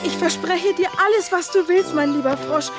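A woman's voice: extremely high pitch, normal speed. A woman acting a bossy, impatient girl who plays a princess in a radio drama. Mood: lamenting. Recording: music playing behind.

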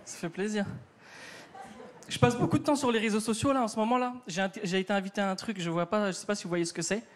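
High-voiced man doing stand-up. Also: steady tone, fast. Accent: North African French. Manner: chatty, addresses the crowd directly. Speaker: stand-up comedian. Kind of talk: stand-up routine. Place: comedy theater stage.

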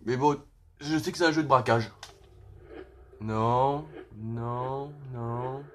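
A young man giving casual, excitable let's-play commentary, full of slang and outbursts at the game. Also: mid-range voice, slow pace, a little hiss or hum. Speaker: gaming youtuber.

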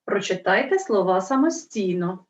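A woman teaching a reading lesson to young children, spelling out syllables slowly and clearly and asking coaxing questions. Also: mid-range voice, lively intonation, far from the mic. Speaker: primary school teacher. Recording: roomy, dull lo-fi recording.

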